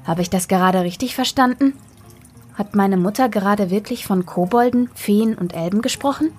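A woman narrating a children's story in the first person, expressive and lively. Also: mid-range voice, moderate pace, slightly rough. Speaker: audiobook reader. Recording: soft background music.

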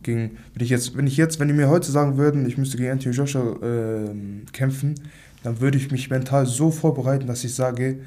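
Man, boxer, mid pitch, earnest and halting, casual chat. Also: fairly even intonation, warm tone. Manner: earnest, repeats himself while searching for words.

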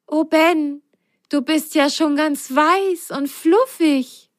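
A woman's voice: high voice, normal speed, no room sound, studio quality, voice pushed up, lightly acted. A woman voicing a cheerful, playful young female sock in a children's story reading. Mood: amazed.

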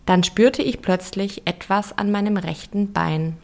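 A woman in her thirties, with a mid-range voice and vocal fry, narrates a reflective first-person story. Her delivery is calm, measured and introspective.

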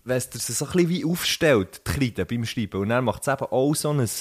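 A man's voice: mid-range voice, lively intonation, a little fast, slightly rough. A young man with a Swiss German accent, a teacher chatting casually and rambling with many restarts and swearwords. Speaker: podcast co-host, teacher. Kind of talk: casual chat.

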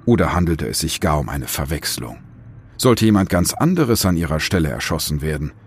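A man's voice: rumbling low, big pitch swings, fairly quick, slightly rough. A man narrates a scripted true-crime story as host, with dramatic, suspenseful phrasing in short pointed sentences.

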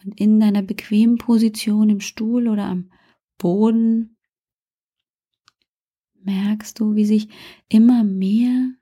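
A woman leads a guided relaxation in the manner of a sleep story narrator. Her voice is mellow and breathy, often sinking toward a whisper. She speaks very slowly and soothingly, leaving long pauses between gentle suggestions. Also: mid-range voice.

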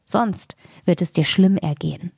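A clever, helpful male fox from an old fairy tale, speaking in a calm, instructing way, as a woman narrator puts him on. The voice sits low and the sound is dry and close, like a storybook reading recorded in a studio. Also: measured pace, vocal fry, slightly rough, dry recording, heavily acted. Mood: advising. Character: wise helpful male fox, patient adviser.

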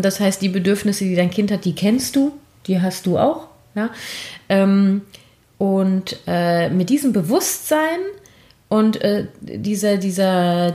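Woman coach, encouraging, often checks in with listener, middle pitch, roomy recording. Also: warm tone. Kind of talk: advice conversation.

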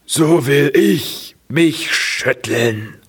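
A man voicing a small talking tree in a storybook reading, in a high wavering singsong. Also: lively intonation, very slow, breathy edge, full character voice. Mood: lamenting.

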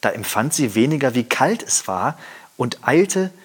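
A man reading a fairy tale aloud with expressive storytelling. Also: medium pitch, measured pace, slightly rough. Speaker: reader.

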